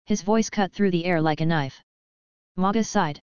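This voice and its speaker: Low-voiced woman reading a story. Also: moderate pace, darkish tone, smooth, dry recording, highs cut off. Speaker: narrator. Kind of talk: scripted narration.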